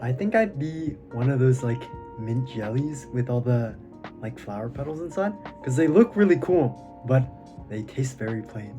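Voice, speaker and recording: A man's voice: mid-range voice, animated, moderate pace, over music. A twenty-year-old man introducing himself casually, hesitant and full of fillers. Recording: dull lo-fi sound.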